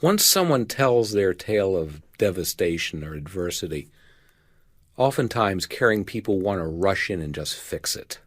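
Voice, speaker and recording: A man lecturing on listening skills in a measured, emphatic way, slowing down to stress key phrases. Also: sits low, sing-song, no room sound, studio quality. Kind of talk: recorded lecture.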